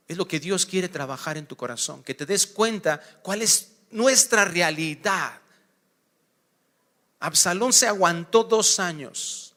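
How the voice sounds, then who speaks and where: A man preaching a sermon as pastor, acting out little scenes and swinging from hushed to loud. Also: sits high. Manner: animated preaching, acts out dialogue, swings from hushed to shouting.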